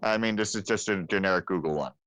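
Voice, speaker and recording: A man's voice: low voice, fast, fairly bright tone, smooth, no echo, soft background music. A man playing a tabletop game, chatting casually over voice chat and hedging as he rambles. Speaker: player.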